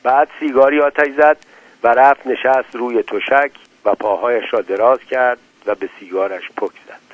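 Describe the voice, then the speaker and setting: A man's voice: medium pitch, no room sound. Man narrating a dramatic story. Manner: dramatic, with big swings in loudness. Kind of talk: scripted narration. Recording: dull, dry lo-fi recording.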